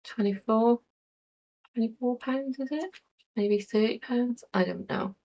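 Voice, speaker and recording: A woman's voice: a little high, measured pace, dark tone, muffled recording. A woman in her forties chatting casually to camera in a rambling vlog, with lots of fillers. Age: 40s. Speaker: YouTuber.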